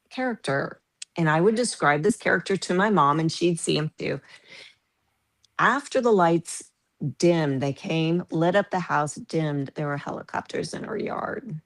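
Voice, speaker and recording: Low-pitched woman in her fifties, animated storyteller, laughs a lot. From US Midwest. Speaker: podcast guest. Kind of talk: casual storytelling.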